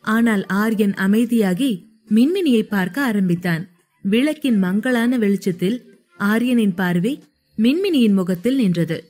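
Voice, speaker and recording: A woman reading a romance story aloud in steady scripted narration. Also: medium pitch.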